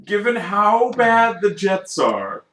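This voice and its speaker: Joking man in an echoey room. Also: high-pitched. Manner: joking, animated, quick asides. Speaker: podcast co-host. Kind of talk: casual sports chat.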